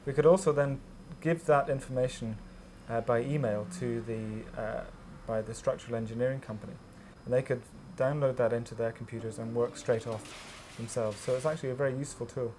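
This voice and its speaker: A man's voice: mid-range voice, steady tone, brisk, few pauses, darkish tone. A man, a designer, explaining his work in a plain, practical interview style. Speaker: bridge designer. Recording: faint background noise.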